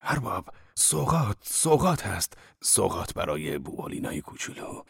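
A coaxing, lively old laborer, played by a man, with a low voice that leaps up when he pleads. The audiobook recording is close and dry, with no room sound. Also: vocal fry, slightly rough, dry recording, exaggerated voice.

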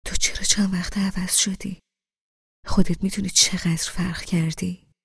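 A woman's voice: lowish voice, little pitch movement, creaky, breathy edge, no echo, studio quality, long reverb tail, heavily acted. A woman doing an earnest young husband. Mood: concerned. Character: serious, gentle young husband.

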